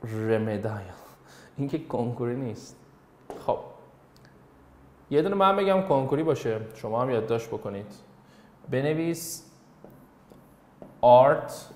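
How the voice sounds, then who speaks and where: A man's voice: mid-range voice, darkish tone, a little hiss or hum. Guy teaching a class, calls on kids by name and nudges them along, sounds kinda roomy. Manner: coaxing, quizzing students by name. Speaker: English teacher. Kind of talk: classroom English lesson in Persian. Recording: roomy echo.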